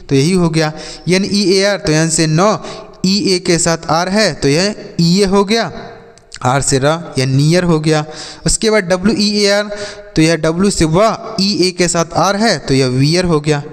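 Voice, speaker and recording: A man's voice: high-pitched, measured pace, clean tone. Man teaching with echoing hall reverb. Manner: repeats questions and answers them himself, drawing out words. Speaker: English pronunciation teacher. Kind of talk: Hindi lesson on reading English.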